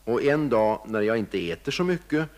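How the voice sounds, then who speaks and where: A man's voice: medium pitch, expressive. A man narrating a comic story between verses of a song in a vintage radio comedy number, in a jovial, mock-weary manner.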